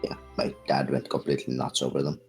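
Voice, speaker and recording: A man playing a tabletop game, chatting casually in a laid-back, deadpan way. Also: very deep voice, fast, faint music behind. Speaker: player.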